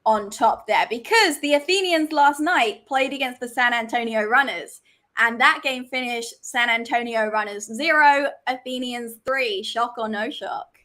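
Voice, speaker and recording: A woman's voice: fairly high pitch, a little slow, pushed and bright. Chatty woman co-hosting a soccer show. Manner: chatty, laughs easily, asks for audience comments. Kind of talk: casual sports chat.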